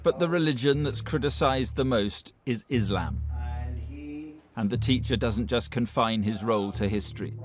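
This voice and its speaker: Male narrator, scripted investigative voice-over, medium pitch, clear music bed. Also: moderate pace. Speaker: documentary narrator.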